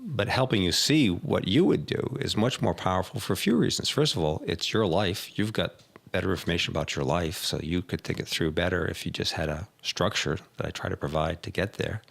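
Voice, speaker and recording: Gravelly low-voiced man coaching, lively. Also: fairly quick. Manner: animated storyteller, acts out clients' voices, laughs often. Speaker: executive coach, podcast host. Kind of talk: casual conversation.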